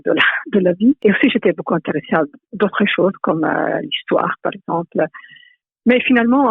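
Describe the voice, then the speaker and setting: A middle-aged Italian woman speaks with a clear Italian accent, searching for words and often repeating herself as she answers. Her voice is gravelly and husky. The sound is thin and phone-like, and very dry. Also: lowish voice, dry recording. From Italy. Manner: hesitant, many pauses and repeated words. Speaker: architecture professor, guest. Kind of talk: thoughtful interview answers. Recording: tinny phone-like line, dry.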